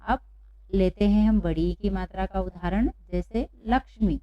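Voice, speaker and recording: Patient woman teacher, dull lo-fi sound. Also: mid-range voice. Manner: asks questions and repeats answers slowly. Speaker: Sanskrit teacher. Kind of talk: classroom-style pronunciation lesson.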